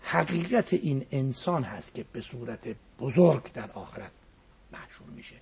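A man's voice: mid-range voice, lively intonation, vocal fry, a little mellow, slightly rough. A man giving a reflective religious talk as a cleric, quoting verses and poetry as he goes.

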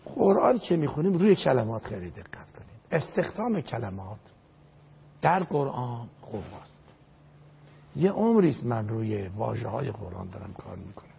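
A gravelly older man, a religious scholar whose first language is Azerbaijani, preaches emphatically during an interview-style religious lecture. His medium-pitched voice is sing-song as he recites Arabic verses and repeats phrases for stress. The dull lo-fi recording carries a little hiss or hum.

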